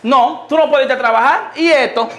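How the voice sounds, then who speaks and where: A woman's voice: high voice, moderate pace, natural voice. A woman playing a bossy, lazy husband who scolds, then pleads when cornered. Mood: scolding. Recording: echoey room.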